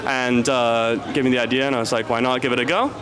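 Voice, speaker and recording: A man, telling his story in a relaxed, easygoing way. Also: medium pitch, quick pace. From Texas. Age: 20s. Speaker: new English teacher. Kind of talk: casual interview answers. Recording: busy crowd chatter behind.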